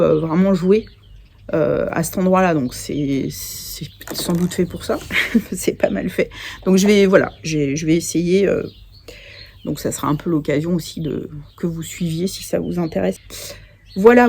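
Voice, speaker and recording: A woman's voice: on the low side, creaky, a little mellow. A woman chatting casually in a craft vlog, hesitant with many fillers and small laughs. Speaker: craft vlogger. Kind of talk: casual knitting vlog chat. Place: outdoors on a walk, sunny day.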